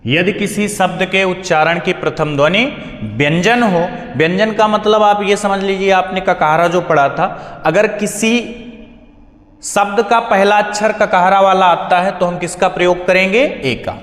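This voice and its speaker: A man's voice: high-pitched, measured pace, fairly bright tone. A male teacher giving a grammar lesson, asking questions and answering them himself. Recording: echoey hall sound.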